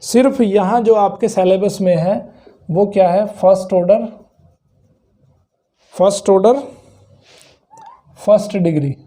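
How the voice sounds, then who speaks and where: A man's voice: high-pitched, mellow. A male math teacher giving a classroom lecture, explaining each step and asking then answering his own questions.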